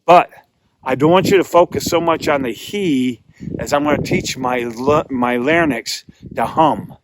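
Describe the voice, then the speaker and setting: A man's voice: medium pitch, measured pace, background noise. A man giving a hands-on beginner tutorial as a calling instructor, explaining patiently and repeating himself as he demonstrates.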